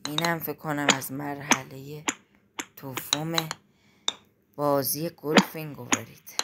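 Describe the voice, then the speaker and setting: A woman giving let's-play commentary, anxious and exclaiming in quick repeated words, then talking herself back to calm. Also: low voice. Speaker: gamer playing a climbing game. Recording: loud clicking noise behind voice.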